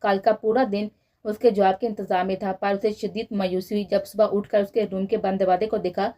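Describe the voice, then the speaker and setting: Warm-voiced woman reading a romance novel. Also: medium pitch, flat delivery, fairly quick. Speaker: narrator.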